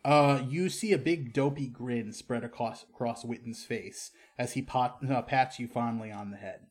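A man's voice: mid-range voice, normal speed, husky. A man narrating a tabletop game as game master.

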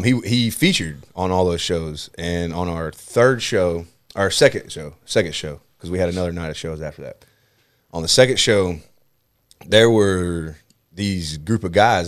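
A male comedian hosting a podcast, telling a profane story in a loose, animated, casual way. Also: low-pitched, a little slow.

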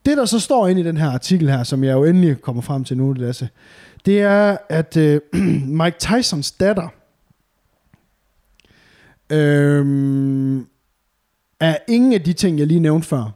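A man's voice: fairly high pitch, lively intonation, long pauses, dark tone. A man bantering casually as a podcast co-host, sweary and mixing in English slang.

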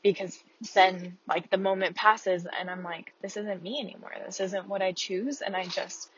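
Woman on a low-quality earbud mic. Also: fairly even intonation, moderate pace, a bit bright, a little hiss or hum. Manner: hesitant and rambling, with many fillers. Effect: low-quality earbud-mic sound. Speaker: podcast host. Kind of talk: casual reflective podcast monologue. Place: inside a car while driving. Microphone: wireless earbuds. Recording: dull lo-fi earbud mic in a car.

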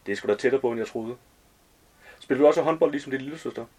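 A man's voice: medium pitch, a little mellow, husky, close to an everyday voice. A man reading aloud as a talkative, overly familiar man in his early forties who rambles in slangy chatter.

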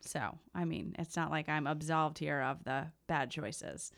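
A woman's voice: low voice, fairly even intonation, a little slow, creaky, a bit bright. A woman hosting a casual podcast chat, eager and explaining things with plenty of "like" fillers. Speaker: podcast host.

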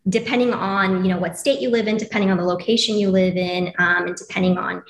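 A woman attorney, a guest on an interview podcast, explaining things with frequent pauses and fillers. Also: mid-range voice, steady tone. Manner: hesitant, many fillers. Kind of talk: casual interview. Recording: echoey room with faint noise.

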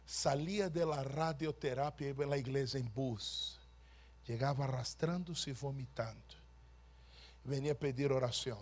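Delivering a sermon in a mid-range voice, this pastor speaks slowly and with emphasis. He swings from quiet, hushed storytelling up to loud, shouted proclamation.

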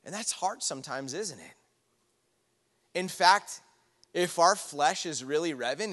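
Here a male pastor whose voice sits a little high and sounds fairly bright delivers a relaxed sermon, drifting into personal anecdotes, side comments and filler words. He speaks in a church sanctuary, and the hall's long reverb colors the sound.

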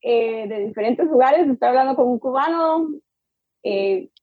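Husky woman guest, native english speaker, chatty with lots of "eh"s, dry muffled sound. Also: high voice, lively intonation, unhurried, dry recording. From United States. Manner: chatty and warm, with many fillers and restarts. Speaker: guest, immigration lawyer. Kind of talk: conversational interview.

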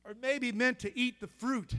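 Male pastor, very high, bright voice, fiery preaching that swells to shouts. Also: steady tone, normal speed. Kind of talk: sermon.

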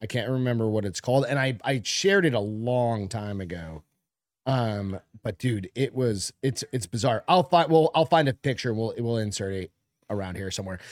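A man's voice: mid-range voice, moderate pace. A man in his forties co-hosting a podcast, chatting casually in a blunt, opinionated way and swearing often. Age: older than his co-host, around 40s. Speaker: podcast co-host. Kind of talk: casual chat.

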